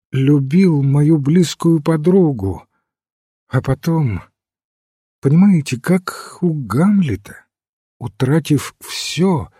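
A man's voice: on the high side, mellow, husky, no echo, studio quality, pitched above the performer's own voice, heavily acted. A man reading aloud and voicing a sorrowful, wistful middle-aged aristocratic lady in a plaintive, sighing way.

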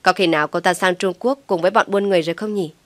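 A woman's voice: on the low side, rapid-fire, no echo, close to an everyday voice. A woman voicing a spiteful, mocking young daughter-in-law who speaks with scorn. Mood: sneering. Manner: sneering, scornful.

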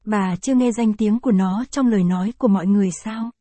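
A woman's voice: mid-range voice, fast talker, dark tone, dry recording, natural voice. A woman voicing a cruel, brutal old patriarch in a read-aloud story, talking in a harsh, scornful and threatening way.

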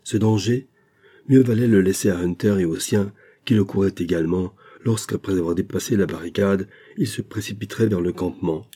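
A male audiobook narrator with a husky, dark voice, pitched somewhat low. He reads steadily and measuredly, in plain scripted narration. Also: brisk.

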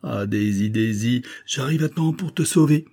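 A man's voice: medium pitch, moderate pace, warm tone, voice pushed up, lightly acted. A man doing a fretful comic detective. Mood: frantic. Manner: fretful, exclamatory, theatrical. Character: anxious, excitable comic male detective.

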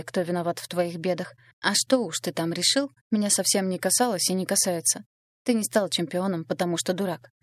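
A venomous, sneering young woman with a raised, bright edge to her voice, as a female reader puts her on. The recording is dry and close, with no room sound. She spits scorn and gloats over her schemes. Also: lowish voice, no room sound, close to an everyday voice. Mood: scornful. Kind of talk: audiobook dialogue reading.

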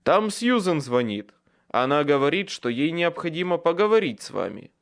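A man reading aloud and voicing an earnest adult man who keeps calling out from upstairs with gentle insistence. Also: fairly low pitch, lively intonation, slow pace, gravelly, full character voice. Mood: insistent.

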